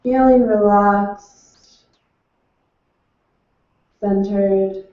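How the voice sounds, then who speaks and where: A woman leading a guided meditation, speaking in slow, soothing, unhurried instructions from far off in an echoing room. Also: mid-range voice, steady tone. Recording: distant, echoey and dull.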